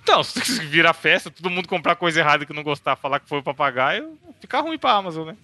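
A man's voice: fairly high pitch, expressive, quick pace, sharp tone. A man with a Brazilian Portuguese accent co-hosting a podcast in slangy, joking chat, reading news and acting out quotes. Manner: slangy, laughing, acts out voices while reading news. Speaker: podcast co-host. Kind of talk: casual comedic chat.

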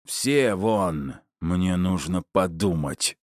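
Gruff gang boss guy, man voicing him, real low, slow barking lines. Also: fairly even intonation, darkish tone, dry recording, studio quality. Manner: slow, heavy, barking delivery. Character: grim aging male gang boss, gruff and commanding.

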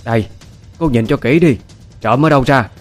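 A man's voice: medium pitch, lively intonation, fast talker, faint music behind, natural voice. A man voicing a harsh, suspicious older mother-in-law, who scolds and accuses. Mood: scolding. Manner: scolding, accusing, sharp-tongued.

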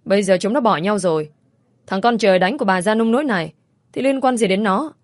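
A woman voicing a gruff older father who curtly scolds his wife. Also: mid-range voice, fast talker, no room sound, clean studio sound, lightly acted. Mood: irritated.

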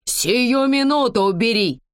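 A woman reading aloud and voicing a rude, menacing male thug who shouts drawn-out threats. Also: medium pitch, animated, no room sound, studio quality, natural voice. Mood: panicked yelling.

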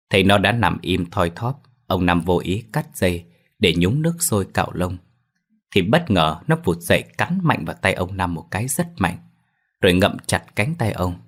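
A man narrating a ghost story in a steady, ominous tone. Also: sits low.

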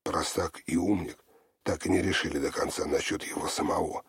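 A male audiobook narrator with a very deep, breathy, husky voice reads in a measured, brooding way. The sound is dry and close, with no room around it. At times he sinks into a near-whisper. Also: fairly even intonation, no echo.

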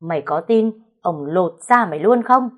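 A woman voicing a harsh old male family patriarch who scolds slowly and threateningly. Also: high-pitched, lively intonation.

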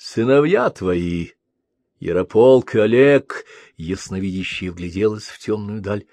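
A male reader voicing a gentle, wise three-eyed female spirit seer who soothes and prophesies. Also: lowish voice, a little slow, dry recording. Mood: wistful prophetic.

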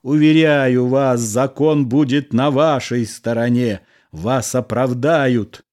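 A man's voice: mid-range voice, slow pace, a little mellow, lightly acted. A man reading a sullen cornered lover. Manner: gloomy, muttering, then dramatic outbursts. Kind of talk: audiobook character reading.

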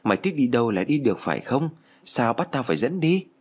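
A man's voice: mid-range voice, big pitch swings, quick pace, a little mellow, husky. A man voicing a frightened teenage girl who pleads in a trembling voice. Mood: scared.

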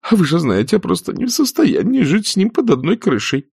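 A man's voice: high-pitched, very animated, a little fast, vocal fry, a little mellow, slightly rough, dry recording, clean studio sound, voice pushed up, exaggerated voice. A man voicing a fluttery, faint-hearted spinster aunt, moaning and tremulous, as in an audiobook. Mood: tearful pleading. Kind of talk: audiobook character voice.

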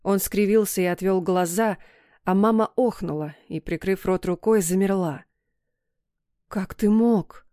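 A woman's voice: medium pitch, fairly even intonation, normal speed, dark tone, dry recording. Woman reading a story aloud, dry. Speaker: audiobook reader. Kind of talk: scripted first-person narration.

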